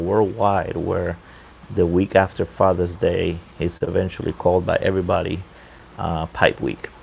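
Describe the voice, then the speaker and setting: A man talking casually off the cuff on a livestream, halting and unhurried, keeping his voice down outdoors on a balcony. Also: deep voice, gravelly, a little mellow. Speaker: livestream host and pipe hobbyist. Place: outdoor balcony at night near a pool. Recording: faint water noise in background.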